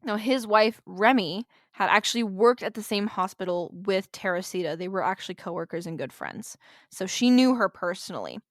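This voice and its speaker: A woman's voice: medium pitch, animated, normal speed, dry recording, studio quality. A woman hosting a podcast, telling a true-crime story in a chatty way, swearing freely and dropping in jokes and asides. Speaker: podcast host.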